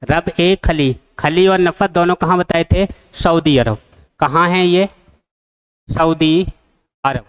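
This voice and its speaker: A man's voice: a little high, slow, pauses often, smooth. A man teaching an exam-prep geography lesson, asking the class questions and repeating the answers. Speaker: coaching teacher.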